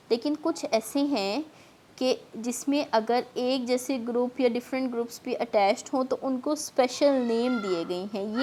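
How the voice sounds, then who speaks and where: A woman chemistry lecturer with a Pakistani accent, explaining step by step in a classroom lecture and mixing in English terms. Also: a little high.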